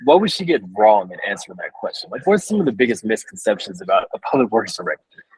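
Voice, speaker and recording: A man's voice: on the low side, big pitch swings, quick pace, darkish tone, breathy edge, dry recording, low-quality recording. A man hosting a podcast, asking loose, friendly hypothetical questions in a casual interview.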